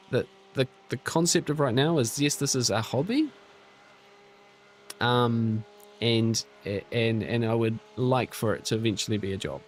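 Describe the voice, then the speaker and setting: A man hosting a casual live stream, chatting with viewers and a teammate in a relaxed way, full of restarts and fillers. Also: lowish voice, a little hiss or hum. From New Zealand. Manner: relaxed and chatty, with frequent restarts and fillers while reading chat aloud; friendly, encouraging teammate. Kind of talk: casual live-stream chat over sim racing.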